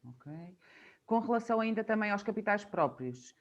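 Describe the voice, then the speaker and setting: A woman's voice: mid-range voice, lively intonation, normal speed, muffled recording. A woman with a European Portuguese accent moderating a webinar, reading out audience questions with hesitant "eh" fillers. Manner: hesitant, fills with "eh". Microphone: video call.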